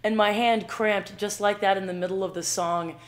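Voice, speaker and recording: A middle-aged woman hosting a casual chat, speaking in a halting, self-deprecating way. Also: medium pitch, steady tone, reverberant. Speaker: host, singer-guitarist. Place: small wood-paneled room at home.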